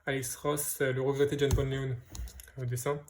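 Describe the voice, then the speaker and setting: A man's voice: mid-range voice, flat delivery, normal speed. Guy rambling about his new comics, lots of euhs and false starts, bit of hiss behind. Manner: hesitant, many fillers and restarts. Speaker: comic book collector vlogger. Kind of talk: casual unboxing chat.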